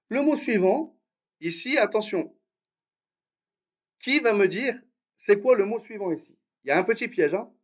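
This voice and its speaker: A man with a high voice speaks slowly as he teaches a live online lesson. He drills syllables one by one and praises students by name as they answer. The stream audio is dull and lo-fi. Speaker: Arabic teacher.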